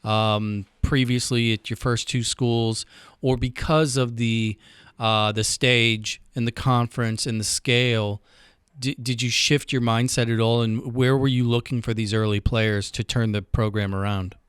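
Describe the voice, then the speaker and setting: A man's voice: medium pitch, little pitch movement, measured pace, clean tone, dry recording, studio quality. A man hosting a podcast, asking long questions with small restarts. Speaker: podcast host. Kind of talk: interview questions.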